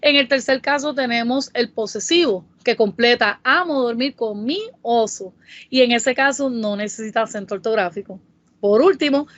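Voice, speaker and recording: A woman with a Puerto Rican Spanish accent, narrating a Spanish grammar lesson in a careful, explanatory way and reading example sentences slowly. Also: on the high side, dry recording. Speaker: Spanish tutor. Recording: dull, dry voice-over.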